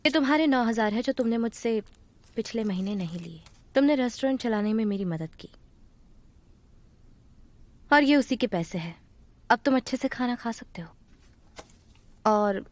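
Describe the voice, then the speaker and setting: A woman's voice: a little high, lively intonation, normal speed, pauses often, a little mellow. A woman voicing a coaxing young woman. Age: young adult. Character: caring young woman urging money on a proud friend. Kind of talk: Hindi dub of a drama.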